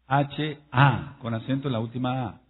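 Male preacher, sermon, husky voice, tinny phone-like sound. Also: mid-range voice. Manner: emphatic, rising and falling, slows to spell out words. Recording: echoey hall over a tinny phone-like line.

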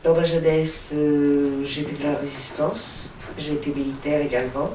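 A woman's voice: sits low, fairly even intonation, normal speed, warm tone, far from the mic, a little hiss or hum. An elderly woman giving hesitant documentary testimony, heard in an echoey hall from afar. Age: older. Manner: hesitant, with fillers. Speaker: former resistance member giving testimony.

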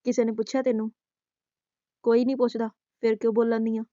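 A woman roasts someone in a taunting, scolding way, firing off rhetorical questions. Her voice sits fairly high but sounds mellow and warm. The recording is dry and a little dull, like a lo-fi voice track. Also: flat delivery, quick pace, no room sound. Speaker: YouTube roast host.

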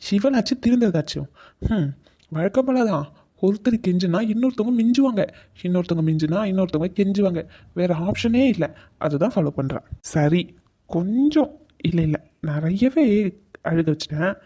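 A woman's voice: medium pitch, expressive, normal speed, warm tone, husky. A woman voicing an affectionate young husband in a cartoon drama, coaxing and apologetic. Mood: musing, teasing.

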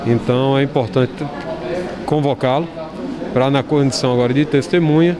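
A man's voice: mid-range voice, fairly even intonation, fairly quick, a crowd in the background. A middle-aged man, a city councilman, answering a reporter's questions firmly in a council chamber, speaking into a handheld mic. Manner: firm, insistent, repeats phrases for emphasis. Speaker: city councilman on an inquiry committee. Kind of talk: press interview.

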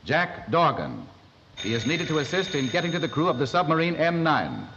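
An actor playing a male radio announcer who reads urgent bulletins in a formal, measured way, heard over an AM radio set. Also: a little high, wildly swooping pitch. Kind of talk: 1930s film acting, broadcast announcement. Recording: dull hissy 1930s film sound.

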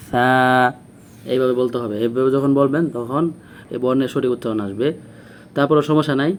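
A man teaching a beginner Arabic lesson, patiently repeating phrases and sounding out each letter slowly. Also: medium pitch, a little mellow, a little hiss or hum. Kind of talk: classroom lesson.

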